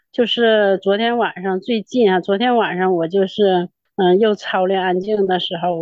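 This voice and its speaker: A woman's voice: medium pitch, darkish tone, no room sound. Middle-aged woman, Northeastern Mandarin accent, earnest tearful testimony, repetitive telling, dull lo-fi sound. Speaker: church member giving testimony. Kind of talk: emotional personal testimony. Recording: dull lo-fi dry recording.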